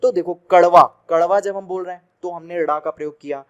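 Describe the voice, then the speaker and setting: A man's voice: high-pitched, steady tone, quick pace, a little mellow, clean tone, dull audio. Chatty man teaching pronunciation. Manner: chatty, repeats sounds aloud to demonstrate. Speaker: Hindi teacher for exam prep. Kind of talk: classroom-style video lesson.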